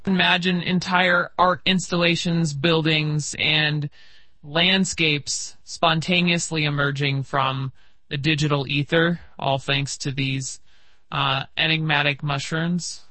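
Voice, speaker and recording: A narrator delivers a theatrical tale in nature-documentary fashion, with grandiose phrasing and hesitant pauses. The voice is husky and recorded very dry, close and without room sound. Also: medium pitch, fairly even intonation, bright, forceful tone, no room sound. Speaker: narrator presenting an imaginative tale.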